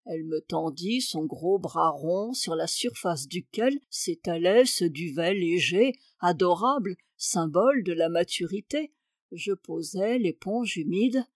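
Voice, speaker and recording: A woman reading a literary novel aloud with measured, wry storytelling. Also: lowish voice, lively intonation, dry recording, clean studio sound. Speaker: audiobook reader. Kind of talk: literary narration.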